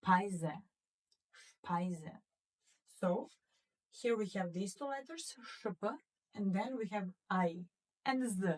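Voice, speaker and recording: Slow-speaking woman teaching German sounds. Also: mid-range voice, a little mellow. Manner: asks the class questions, repeats words twice. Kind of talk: slow classroom lesson explaining pronunciation. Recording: voice from some distance off the mic.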